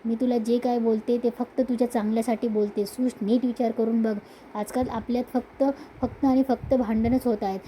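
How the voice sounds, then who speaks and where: A woman voicing a dutiful young wife and elder sister who pleads softly and earnestly. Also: fairly high pitch, level tone, brisk, a little hiss or hum, natural voice, low-quality recording. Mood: earnest, worried.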